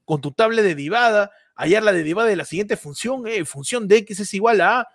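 High-voiced man hosting, dry sound. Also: a little fast, no room sound. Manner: excitable, laughing, playfully mock-amazed. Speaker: podcast host. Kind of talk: joking podcast banter with live promotion.

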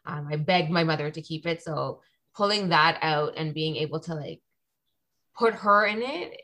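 A woman in her thirties from Toronto, chatting casually as a podcast guest with lots of ums and quick asides. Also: sits low, pushed and bright. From Canada (Toronto). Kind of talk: casual conversation.

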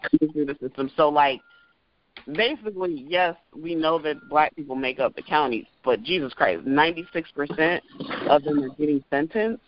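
A man in his thirties co-hosting a casual podcast, talking in a chatty, animated way with plenty of filler words. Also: fairly high pitch, moderate pace, a little hiss or hum. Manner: chatty and animated, with many ums and likes. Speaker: podcast co-host. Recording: dry, dull lo-fi audio.

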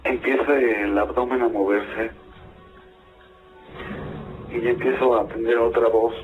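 A man's voice: mid-range voice, flat delivery, measured pace, faint music behind. A young male caller giving hesitant, distressed answers on an archive radio show. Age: young adult. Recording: phone line on archive radio.

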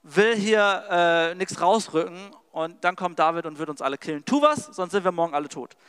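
A man's voice: high voice, expressive, fairly bright tone, smooth, long reverb tail. A man voicing an anxious male servant who speaks in an urgent rush. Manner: hurried, urgent.

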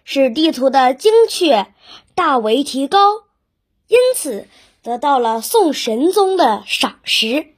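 A woman narrating a scripted history lesson for children, explaining things as if to a child, with simple questions. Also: high voice.

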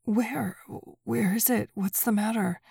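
A woman voicing a frightened old husband in a whispered role-play, halting and trembling. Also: medium pitch, fairly even intonation, mellow, dry recording, studio quality, exaggerated voice. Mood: shaken. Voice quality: breathy whisper.

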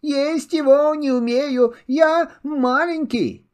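An older man voicing a small, weepy, stubborn kitten, a little boy, in a high whiny childish voice. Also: expressive, extremely slow, exaggerated voice. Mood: tearful.

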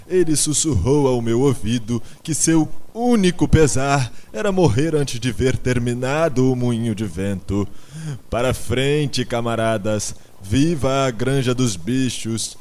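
A man voicing a sly, smooth-talking male pig who speaks with put-on sorrow, in an audiobook. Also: medium pitch, a little mellow, close to an everyday voice. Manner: mock-sorrowful, unctuous, slow.

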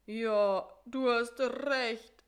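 A woman voicing a whiny male cross spider with a toothache in a storybook reading, her voice pitched well above her own with a slow, wailing delivery. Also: natural voice.

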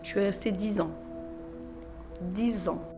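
A middle-aged woman from France recounting her own life story, acting out what others said and sometimes dropping to a hush. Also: mid-range voice, fairly even intonation, takes it slowly, over music. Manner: acts out quoted dialogue in her story, drops to hushed asides. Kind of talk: personal storytelling.

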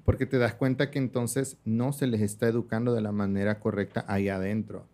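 In a casual interview, a young man appearing as a makeup artist guest talks a little fast in a voice on the low side. His storytelling is animated, full of impersonated voices from his anecdotes and frequent laughter.

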